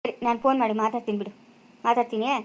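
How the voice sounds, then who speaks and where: A woman plays a stern village brother who lays down the law for his sister in a homemade family drama. The voice is high and quick, with a rural Chikkaballapura Kannada accent. The tone is firm and lecturing throughout. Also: steady tone, natural voice. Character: stern younger brother ruling the family house.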